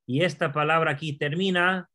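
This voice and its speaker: Here a man gives a patient, slow Hebrew pronunciation lesson, repeating words and asking his learner questions as he goes. He sounds high-ish and bright, even forceful, with fairly even intonation.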